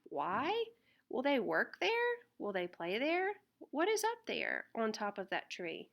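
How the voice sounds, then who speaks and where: A woman with a fairly high-pitched voice reads a children's picture book aloud, narrating the storybook in an expressive, deliberate manner.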